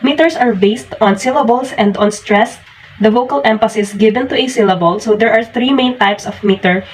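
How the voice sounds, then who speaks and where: A woman's voice: on the high side, normal speed. A woman student teacher explaining poetry terms step by step in a recorded teaching demonstration, opening many sentences with "so". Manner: explains in steady steps, starting many sentences with "so". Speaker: student teacher presenting a lesson. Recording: distant mic with faint room noise.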